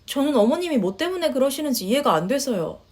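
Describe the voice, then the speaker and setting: A woman voicing a polite, soft-spoken young wife who talks quietly and hesitantly in a story reading. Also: sits high, big pitch swings, quick pace. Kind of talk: storytelling voice acting.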